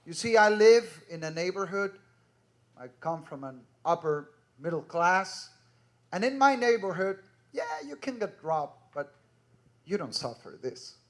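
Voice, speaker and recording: Slow-speaking Ecuadorian man in his thirties. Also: sits high, animated. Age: 30s. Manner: earnest, measured, personal anecdotes. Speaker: conference speaker. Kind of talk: conference talk.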